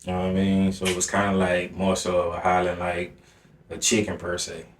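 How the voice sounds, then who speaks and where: A man's voice: sits low, monotone, fairly quick. A man co-hosting a podcast, laid-back and trailing off in casual chat. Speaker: podcast co-host. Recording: echoey room, distant mic, faint room noise.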